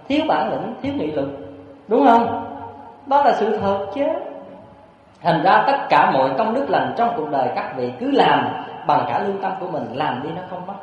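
A man preaching a Buddhist sermon, animated and storytelling, with frequent rhetorical questions to his listeners. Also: sits high. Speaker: Buddhist monk. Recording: echoey hall, dull lo-fi sound.

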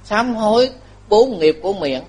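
A man, a Buddhist monk, giving a lively dharma talk to lay followers, joking often and repeating his phrases. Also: sits high, unhurried, husky.

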